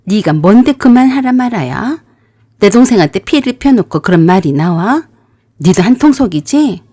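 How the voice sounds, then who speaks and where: A woman voicing a furious, sharp-tongued older sister who shouts and curses. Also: mid-range voice, expressive, moderate pace, no echo, clean studio sound, close to an everyday voice. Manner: shouting, cursing.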